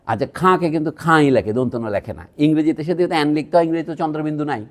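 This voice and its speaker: In a university museum hall, a Bangladeshi man gives a public lecture at a quick pace in a voice on the high side. He wanders conversationally from his topic and tosses asides to the audience.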